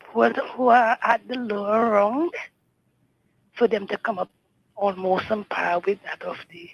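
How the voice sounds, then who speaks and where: A woman calling in to a phone-in programme, speaking in a soft, weak, low and unhurried voice. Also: steady tone, gravelly, slightly rough, highs cut off. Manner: low, unhurried, quiet delivery. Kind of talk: asking a question on a phone-in.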